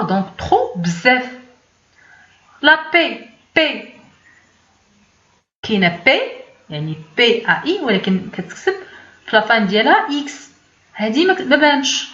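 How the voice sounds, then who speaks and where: A woman's voice: fairly high pitch, a bit bright. A woman with a Moroccan accent teaching a beginners' language lesson, explaining patiently and repeating words. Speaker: French teacher. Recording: echoey, dull lo-fi room sound.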